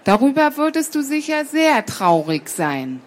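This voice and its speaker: A stern father sparrow in a storybook, as a woman reading aloud puts him on, admonishing his child. The voice stays close to the reader's own, animated and lively in its pitch. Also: unhurried.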